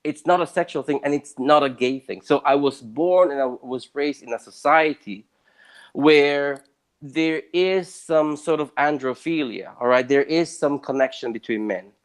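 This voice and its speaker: A man from Southern Italy, talking as a guest in a casual interview, emphatic and swinging widely in pitch and loudness. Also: unhurried.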